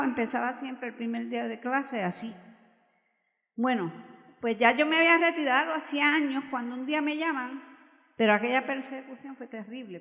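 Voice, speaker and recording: A woman's voice: on the high side, long reverb tail. Older Puerto Rican woman telling her testimony. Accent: Puerto Rican Spanish. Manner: animated storytelling, acting out quoted voices. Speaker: retired music teacher. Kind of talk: personal religious testimony.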